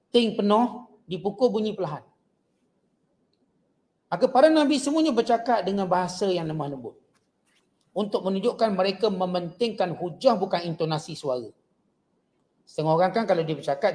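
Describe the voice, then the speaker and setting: A man with a Malaysian Malay accent giving a Quran commentary lecture, slowly chanting Arabic verses and then explaining them plainly to his audience. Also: sits high. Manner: slow, drawn-out recitation of Arabic verses between plain explanation; addresses the audience directly as gentlemen. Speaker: religious teacher.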